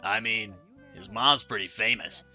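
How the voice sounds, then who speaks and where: An eager, gossipy teenage schoolboy, as a man reads him out from a game, pushing for the latest news. The voice is loud and bright, lifted a little above the reader's own. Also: lowish voice, unhurried, faint music behind, full character voice. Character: chatty, nosy teenage schoolboy friend.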